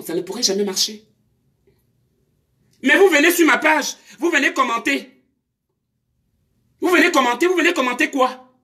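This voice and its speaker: A woman's voice: medium pitch, sharp tone. Scolding woman live-streaming. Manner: scolding, confrontational, rhetorical questions. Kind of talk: live-stream rant to commenters.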